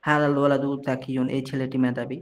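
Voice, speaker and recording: A man's voice: mid-range voice, little pitch movement, fast. A man from Bangladesh teaching an online class, patiently reading each short phrase aloud and then translating it, often cutting off and restarting a word. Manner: frequent restarts and mid-word corrections. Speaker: Arabic teacher.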